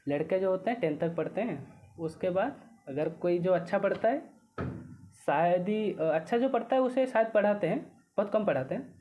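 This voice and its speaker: A man's voice: high-pitched, expressive, normal speed. Young man from Odisha on a tinny line. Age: young adult. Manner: hesitant, restarts often, mixes in English words. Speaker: guest, student. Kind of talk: casual conversation. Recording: phone-like lo-fi audio with faint noise.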